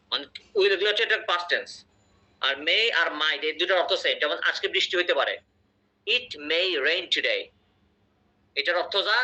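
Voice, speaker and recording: A man runs an online English lesson. His voice sits a little high and sounds very bright and sharp. He explains patiently and keeps asking whether the class is following. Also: dull audio. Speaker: English teacher.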